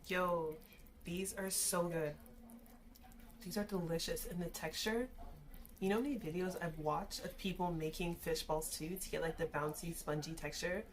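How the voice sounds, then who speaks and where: A woman with a slightly low voice hosts a casual eating and cooking video. She is tipsy from shots and talks to the camera in loose slang, swearing freely as she goes. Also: fairly even intonation, moderate pace. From Caribbean background. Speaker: mukbang and drunk-cooking video host.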